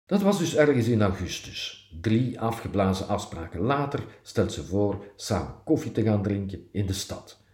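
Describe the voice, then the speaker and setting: Man, very low voice, dark mellow tone, dry self-mocking column reading, roomy echo. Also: very animated, normal speed. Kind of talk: reading a personal column aloud.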